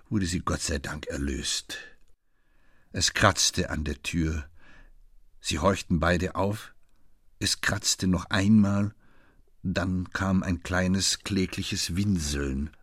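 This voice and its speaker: A man narrating a novel in a measured audiobook reading. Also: low-pitched, slightly rough, no room sound, clean studio sound.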